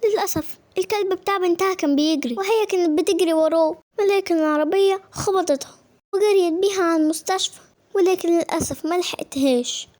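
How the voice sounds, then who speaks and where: A woman's voice: very high-pitched, fast, darkish tone. A woman telling a story and voicing a mother politely, with an Egyptian Arabic accent.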